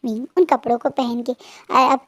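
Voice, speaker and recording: A woman's voice: fairly high pitch, fairly even intonation, normal speed, no echo. A woman casually retelling a fan-fiction story in a chatty, hesitant way with frequent fillers.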